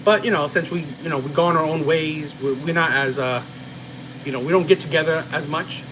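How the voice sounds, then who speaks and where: A man's voice: fairly high pitch, fairly quick. Rambling streamer guy, air-con hum. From New Jersey, USA. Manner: rambling, frequent "right?" and "you know". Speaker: live-stream host reading chat. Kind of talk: casual live-stream chat.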